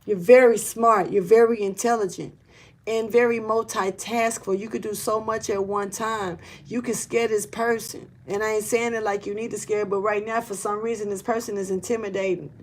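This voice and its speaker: A woman's voice: medium pitch, fairly even intonation, moderate pace, slight background noise. A woman giving a casual spiritual tarot reading, talking in a loose, rambling and blunt way with slang and cursing, earnest and urgent, with frequent repeats and restarts. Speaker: tarot reader.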